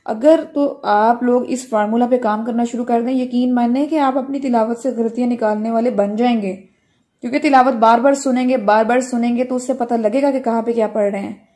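A woman tajweed teacher running an online Quran recitation class, correcting students and modelling the recitation slowly. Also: a little high, dark tone.

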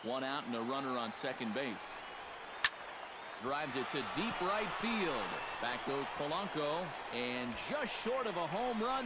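A man playing a steady, polished play-by-play baseball announcer in a sports video game. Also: fairly high pitch, heavy background noise, lightly acted. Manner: polished, measured broadcast delivery. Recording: loud stadium ambience behind the voice.

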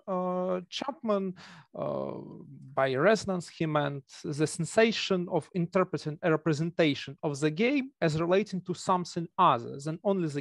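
Man, thick Russian accent, academic presenter, hesitant, dry close headset sound, slightly high voice. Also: creaky, no room sound. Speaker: conference presenter, academic researcher. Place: home room with bookshelves. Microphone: headset on a video call.

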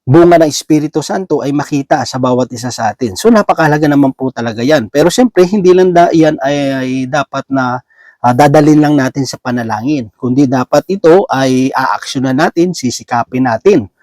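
A man preaching a Bible teaching sermon in a conversational way. He often checks in with his listeners with a quick question and mixes English words into his talk. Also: mid-range voice, a little mellow, dry recording.

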